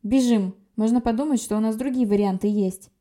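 A woman voicing a sharp-tongued, quick-tempered young sorceress who talks brusquely and scolds. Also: on the high side, lightly acted.

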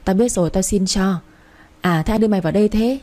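A woman's voice: mid-range voice, fast talker, warm tone, lightly acted. A woman reading the lines of a chatty, loyal young best friend in a storybook romance, fussing and teasing.

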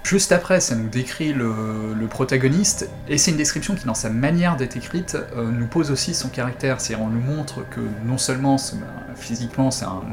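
A man's voice: mid-range voice, normal speed, hardly any pauses, noisy background. A man hosting a casual, analytical discussion as a critic. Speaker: host and film critic.

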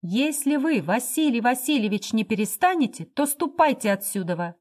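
A woman's voice: on the high side, big pitch swings, moderate pace, a little mellow, voice pushed up. A flustered, kind-hearted hostess pleads and reproaches, her voice rising with indignation, as a woman reading a story puts her on. She scolds a rude guest in a storybook reading. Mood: indignant.

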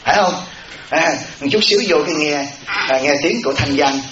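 A Buddhist monk, the abbot of a temple, giving a dharma talk in a folksy way, acting out everyday voices and often asking "right?". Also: male voice, fairly high pitch, fairly quick, over music. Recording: echoey lo-fi hall recording with audience.

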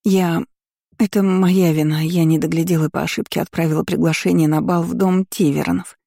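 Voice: mid-range voice, steady tone, brisk, gravelly, dark tone, no echo, clean studio sound. A narrator voicing a guilt-stricken female servant who speaks in a crushed, repentant way in an audiobook. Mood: remorseful.

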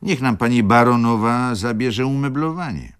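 A man's voice: medium pitch, lively intonation, moderate pace, a bit bright, smooth, pitched above the performer's own voice, close to an everyday voice. A man voicing an insolent young male student who speaks in a sweet, mocking tone, in a radio reading. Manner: sugary, mocking.

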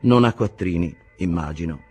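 A man's voice: deep voice, lively intonation, moderate pace, darkish tone, breathy edge, faint music behind. A man voicing a mild, polite young engineer who speaks hesitantly. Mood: mild hesitance.

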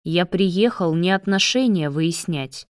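A woman's voice: lowish voice, measured pace, clean tone, no room sound, clean studio sound, close to an everyday voice. A woman voicing a cold, mocking man who speaks curtly and sneers at his former lover. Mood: sneering.

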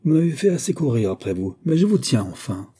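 A man's voice: mid-range voice, big pitch swings, brisk, warm tone, breathy edge, voice pushed up. A man reading aloud, voicing a dogged, commanding veteran police agent in a storybook reading. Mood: stern. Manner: stern, commanding.

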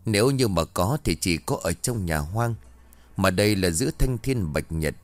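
Low-voiced man telling a ghost story. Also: lively intonation, moderate pace, no echo. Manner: voices the characters' lines himself.

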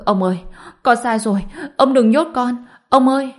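A woman's voice: medium pitch, brisk, lightly acted. Blustering spoiled young heir, as a woman reads him. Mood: pleading. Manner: insolent, blustering. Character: arrogant young man, spoiled grandson. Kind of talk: audiobook narration.

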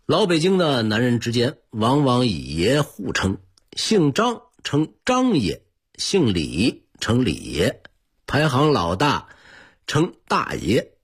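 A man's voice: medium pitch, huge pitch swings, slow pace, slightly rough. A man presenting a scripted radio talk on old customs, in a chatty storytelling manner that speaks straight to the listener.

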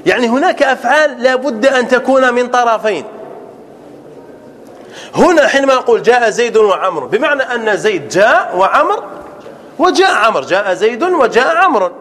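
A man with a very high, lively voice teaches a grammar lesson. He repeats example sentences and keeps quizzing his listeners as he explains. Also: brisk. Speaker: Islamic scholar teaching grammar.

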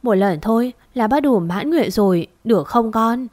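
A woman voicing an aging, gentle father who speaks slowly in a choked, pleading way. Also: on the high side, animated, dry recording, natural voice. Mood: tearful.

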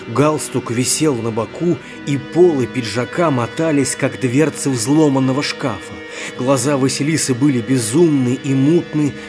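A man narrates a novel in a steady, measured way, his voice sitting in an ordinary middle range. Soft music plays faintly behind him. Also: mid-range voice. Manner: measured literary reading. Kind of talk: audiobook narration.

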